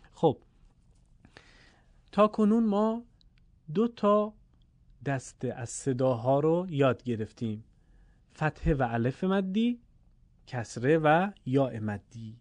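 A man teaching the correct way to recite the Quran to listeners, formal and courteous, drawing out vowels slowly in demonstrations. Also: mid-range voice, a little mellow, no echo. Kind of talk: recorded lesson for listeners.

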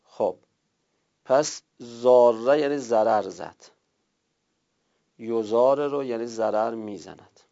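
A man teaching a class, explaining grammar step by step, drawing out word forms slowly and telling students what to write down. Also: mid-range voice, dark tone, dull audio. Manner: tells students to write things down. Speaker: teacher of Arabic grammar and Quran. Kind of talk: classroom lecture.

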